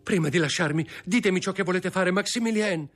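A man's voice: high voice, brisk, fairly bright tone, faint music behind, pitched above the performer's own voice. A man voicing a distraught young woman in an audiobook reading, pleading and tearful. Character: anguished young woman, devoted and dutiful.

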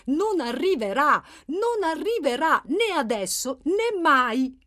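A woman's voice: high voice, sing-song, slow pace, a bit bright, voice pushed up, exaggerated voice. A woman voicing an exasperated man who stresses every word emphatically.

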